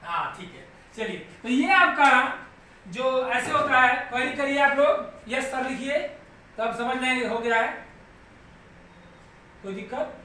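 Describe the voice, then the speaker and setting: A man teaches grammar in a live online class, his very high, bright voice a little slow and broken by long pauses. He is patient, repeats the steps, and keeps checking that students follow. He sounds echoey and far off, recorded in a very echoey room away from the mic, with faint background noise.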